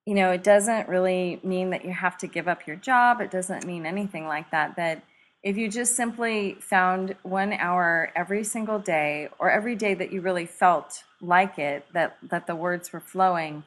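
Animated woman telling a story. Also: on the low side, moderate pace. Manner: animated, acts out quotes with laughter. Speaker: author and guest. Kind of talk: conversational storytelling.

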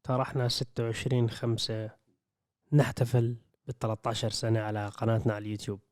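Levantine guy on a podcast, mid voice, talks quick and casual, no echo at all. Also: medium pitch, little pitch movement, a little mellow. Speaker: show co-host and car reviewer.

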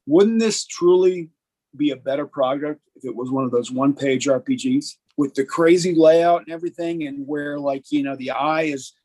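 Husky-voiced middle-aged man rambling. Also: on the high side, normal speed, darkish tone, low-quality recording. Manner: rambling, self-deprecating, many fillers. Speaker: podcast co-host. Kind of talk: casual chat.

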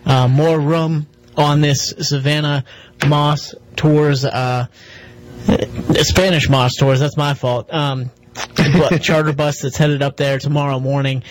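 A man co-hosting a casual sports radio show, halting and repeating words as he talks. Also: fairly high pitch, little pitch movement, poor audio.

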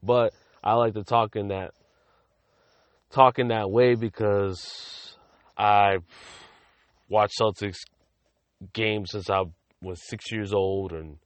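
Low-voiced rambling podcast host, man. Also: fairly even intonation, slow pace, long pauses, no echo. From Massachusetts. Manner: rambling, many fillers and restarts. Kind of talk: casual solo sports podcast talk.

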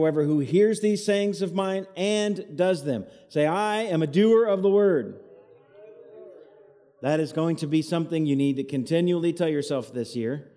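A man with a fairly high, dark-toned voice preaches an evening sermon as associate pastor in a church hall, getting the congregation to repeat his lines back in call-and-response. The hall is echoey, and his voice carries a cave-like reverb.

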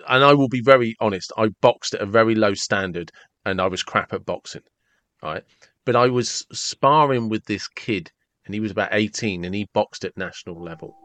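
A man hosting a podcast, chatting casually and telling stories in an amused, animated way. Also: on the low side, no room sound. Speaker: podcast host. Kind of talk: casual conversation.

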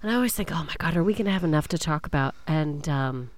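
A woman's voice: sits low, lively intonation, fast talker, dry recording. A woman co-hosting a podcast in casual banter, playful and effusive. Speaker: podcast co-host.

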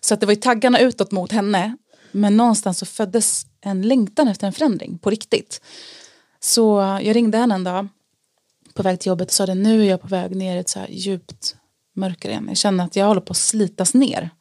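A woman's voice: mid-range voice, steady tone, darkish tone, no room sound. Earnest Swedish-speaking woman, dry sound. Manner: earnest, reflective, many pauses and fillers. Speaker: interview guest sharing testimony. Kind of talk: personal testimony in conversation.

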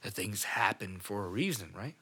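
A man hosting a podcast, talking without a plan in an emotional, halting monologue that keeps trailing off and repeating itself. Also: lowish voice, expressive, bright, forceful tone, breathy edge. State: emotional, on the edge of tears. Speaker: podcast host. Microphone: studio microphone.

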